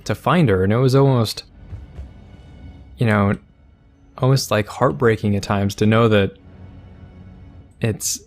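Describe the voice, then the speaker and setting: A man hosting a let's play, giving casual gameplay commentary in a rambling, halting way, searching for words. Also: lowish voice, faint music behind.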